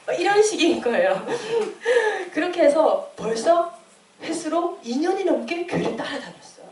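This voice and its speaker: A woman in her late twenties giving a personal testimony at church, telling her story in an animated way and acting out the voices she quotes. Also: extremely high pitch, normal speed. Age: late 20s. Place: church hall. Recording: echoey room, distant mic.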